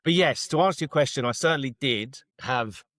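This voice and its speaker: A man hosting a fan podcast, talking in long rambling runs full of restarts. His voice sits at a middle pitch and is recorded dry and close. He shares firm opinions in casual chat. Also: fairly quick, fairly bright tone, no room sound. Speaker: podcast host. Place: pub-going fan in Australia.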